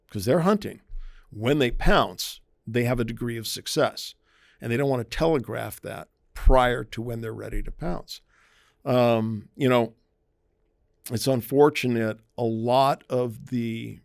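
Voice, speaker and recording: A man's voice: mid-range voice, gravelly, a little mellow, no echo, clean studio sound. A man, a private investigator, talking through safety tips in a conversational podcast interview, often acting out quoted voices. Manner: conversational, acts out quoted voices, emphatic warnings.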